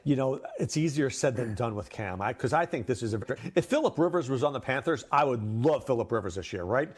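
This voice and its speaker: A man hosting a casual fantasy football chat, opinionated and lively, leaping up in pitch to stress his points. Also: fairly quick, breathy edge. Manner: opinionated, lively, jumps to higher pitch for emphasis.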